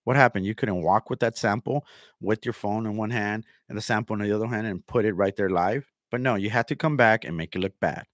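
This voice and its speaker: Sarcastic man ranting, low dry voice. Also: brisk, a bit bright, no echo. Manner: mocking, sarcastic, repeats himself, mimics rival in quotes. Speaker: channel host. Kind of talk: ranting commentary.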